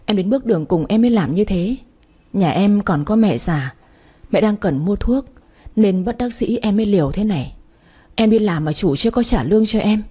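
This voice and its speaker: A man's voice: high-pitched, animated, normal speed, warm tone, breathy edge. Pleading young thief, voiced by a woman. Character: desperate young male thief begging for mercy.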